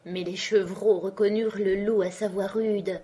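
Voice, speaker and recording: A woman narrating a fairy tale for a children's audiobook, in an expressive, clear storytelling way. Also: mid-range voice, moderate pace.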